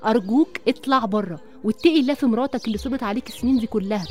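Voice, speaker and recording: A woman with an Egyptian accent playing a proud young painter, firm and indignant, over soft music. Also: a little high, racing, natural voice. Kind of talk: radio drama acting.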